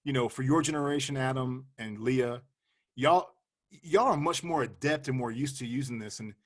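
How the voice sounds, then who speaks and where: A man's voice: medium pitch, normal speed, fairly bright tone. A man hosting a casual video-call chat, laid-back, laughing easily and swearing casually. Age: 40s. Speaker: host.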